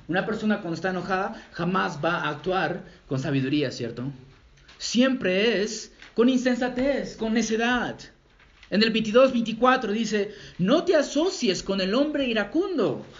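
A man preaching a sermon as pastor, swinging from loud emphatic lines to quiet low asides. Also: reverberant, dull audio.

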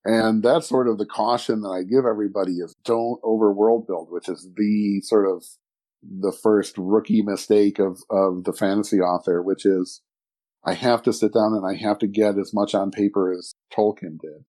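In a podcast conversation, a middle-aged male guest who writes and edits fantasy talks reflectively and at length, frequently starting his sentences over. He has a warm, steady voice on the low side and speaks at normal speed.

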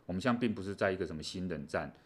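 A man's voice: low voice, very fast. A man co-hosting a casual chat on world affairs, explaining things animatedly with many fillers. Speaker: co-host.

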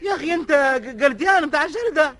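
A man's voice: very high-pitched, lively intonation, racing, fairly bright tone. An actor playing an indignant man complaining about his lost slipper, with a Tunisian Arabic accent, in a 1950s radio drama.

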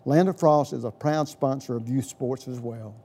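A man's voice: mid-range voice, normal speed, warm tone, faint music behind. A man delivering a scripted sponsor announcement.

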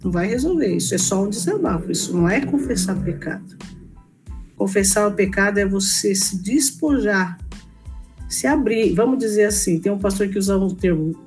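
A woman's voice: mid-range voice, expressive, normal speed, darkish tone, faint music behind. A woman with a Brazilian Portuguese accent giving an earnest, conversational sermon that presses her listeners with questions. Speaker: preacher.

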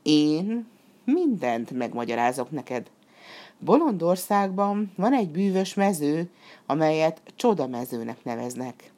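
A woman voicing a sly, flattering female fox in a storybook reading, with a sweet, wheedling, drawn-out way of talking. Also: low voice.

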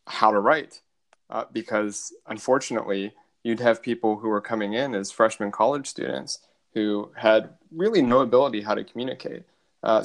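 A man's voice: lowish voice, creaky. A man as an interview guest, explaining things patiently with frequent uh fillers. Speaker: guest, army signal company commander. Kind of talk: casual interview answers.

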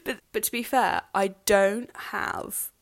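A woman's voice: mid-range voice, steady tone, takes it slowly, creaky. A young woman, a university student co-hosting a podcast, rambling through a story with lots of laughter. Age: young adult. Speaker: podcast co-host. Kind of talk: casual chat.

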